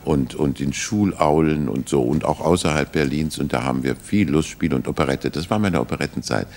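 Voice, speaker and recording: A very low-voiced older man tells his life story at an easy pace. He is thoughtful and anecdotal, and he often restarts a phrase as he remembers. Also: fairly quick, a little mellow, a little hiss or hum. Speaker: interview guest, actor. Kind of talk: relaxed reminiscing interview.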